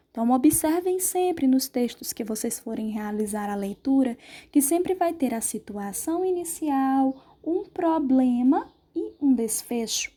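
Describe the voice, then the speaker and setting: Patient Brazilian woman teacher, bright voice. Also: sits high. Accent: Brazilian Portuguese. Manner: patient, explanatory, checks understanding with tag questions; slows down and stretches example words. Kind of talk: recorded remote class lesson.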